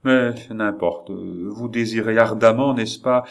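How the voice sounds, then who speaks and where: A man's voice: fairly low pitch, slow. A man reading the part of a melancholy queen, speaking in a sorrowful, imploring way as part of an audiobook of a novel. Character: melancholy pleading queen, woman, middle-aged.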